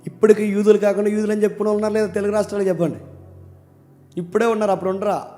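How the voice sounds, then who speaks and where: A man preaching a sermon, talking casually and then rising into loud, emphatic questions. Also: sits high, little pitch movement, rapid-fire. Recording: long hall reverb with faint music.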